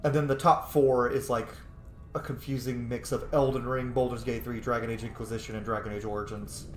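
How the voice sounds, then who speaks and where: In a level, mid-range voice that runs a little fast, a man streams a let's play, offering playful, relaxed commentary on the game with the odd curse and rambling tangents. Faint background noise and a roomy echo can be heard.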